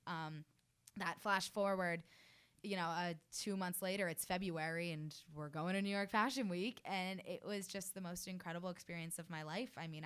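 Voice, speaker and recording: Smooth-voiced young woman telling her story. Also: mid-range voice, fairly bright tone. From New Jersey, US. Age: early 20s. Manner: earnest, effusive, many fillers. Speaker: interview guest, fashion design student. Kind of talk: radio interview storytelling. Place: radio studio.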